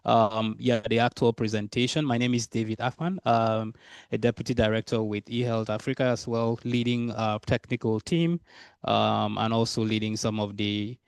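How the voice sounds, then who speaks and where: A man giving a conference presentation, halting often and circling back over his phrases. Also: fairly low pitch, steady tone, vocal fry, clear, resonant tone, no room sound. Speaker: conference speaker, technical team leader.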